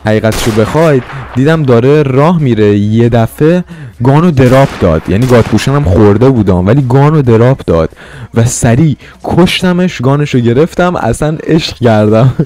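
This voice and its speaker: Loud swaggering young gangster-roleplay streamer. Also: male voice, mid-range voice, lively intonation, slight background noise. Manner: swaggering tough-guy banter, swings between loud bravado and quiet asides. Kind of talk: in-character gangster roleplay with commentary.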